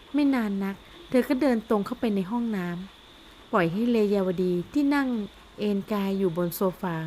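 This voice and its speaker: A woman narrates an audio novel with a steady, even storytelling delivery. Her voice sits in a middle range, neither high nor low. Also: a little hiss or hum.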